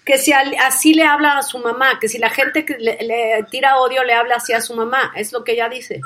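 A woman's voice: a little high, steady tone, a little fast, fairly bright tone. A woman hosting a casual showbiz gossip chat, blunt and critical, repeating words for emphasis. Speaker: gossip show host.

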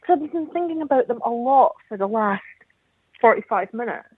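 A woman's voice: fairly high pitch, animated, fairly quick, breathy edge. Give me a woman caller over a tinny phone line. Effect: heard over the phone. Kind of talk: casual call-in chat.

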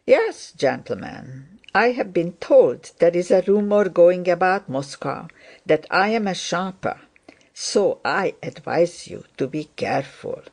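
A woman narrator voicing a cool, mocking male card sharper in an audiobook, smooth and unhurried. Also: high-pitched, lively intonation, exaggerated voice. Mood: sly.

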